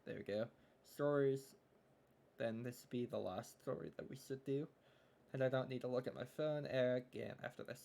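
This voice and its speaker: A man's voice: medium pitch, normal speed, vocal fry, darkish tone. A young man streaming live, chatting casually and thinking aloud as he works on a game, often trailing off into mumbles.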